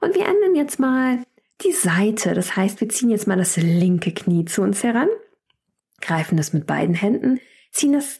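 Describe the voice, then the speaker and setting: A woman talks a student through chair yoga stretches in an unhurried, gentle voice. Her tone is mellow and breathy, with a gravelly edge, and her cues often drop close to a whisper. She counts down each hold calmly. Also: a little high. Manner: calm instructive cueing with breath counts. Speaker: yoga instructor. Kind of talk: guided chair yoga class.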